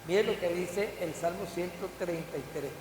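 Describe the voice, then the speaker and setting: An older pastor preaches a sermon in a high voice at normal speed, breaking into rising bursts and putting questions to the congregation. The church hall echoes, with a faint hiss in the recording.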